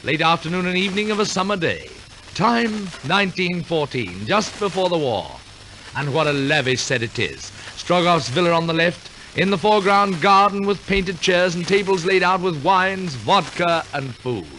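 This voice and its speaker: In a noisy 1940s radio broadcast recording, a man with a high, animated voice narrates an operetta at normal speed. His tone is pushed and bright, and he tells the story in a theatrical, wry, tongue-in-cheek way.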